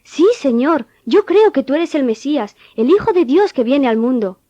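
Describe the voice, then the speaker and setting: A woman's voice: high-pitched, animated, normal speed, mellow, dry recording. A woman playing Martha, a grieving and faithful sister, in a dramatized scripture reading. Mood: pleading. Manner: earnest, pleading. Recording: dull, dry studio sound.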